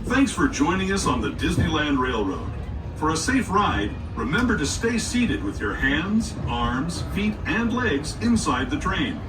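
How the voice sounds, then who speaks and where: Brief: man, high lively voice, folksy ride narrator on an outdoor loudspeaker, echoey and distant. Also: measured pace. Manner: folksy, friendly guide patter. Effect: played over an outdoor loudspeaker on a moving train. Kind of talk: scripted tour narration. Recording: echoey loudspeaker heard from a distance over loud music.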